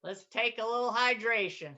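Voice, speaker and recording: A woman's voice: on the high side, moderate pace, bright, forceful tone, muffled recording. A woman in her sixties leading an online laughter yoga class. She is playful and cheery, and she laughs and cheers often.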